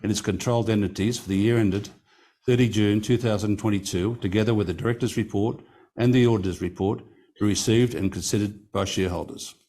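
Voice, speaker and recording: Chairing a company meeting in a meeting room, a man reads out resolutions and vote counts in a formal, careful way. His voice is fairly low, steady and mellow, and he pauses now and then to correct a figure.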